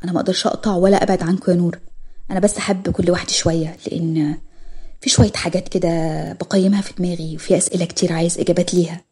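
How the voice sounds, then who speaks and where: Tired young doctor, as a woman puts him on, Egyptian accent, earnest, quick, husky. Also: lowish voice, steady tone, dark tone. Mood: hurt. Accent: Egyptian Arabic. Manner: hurt, earnest.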